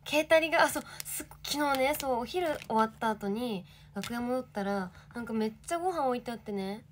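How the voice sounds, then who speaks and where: A woman's voice: fairly high pitch, animated, a little fast, slight background noise. A young woman in her twenties, an idol livestreaming, chatting casually and reading viewer comments with giggly, bubbly energy.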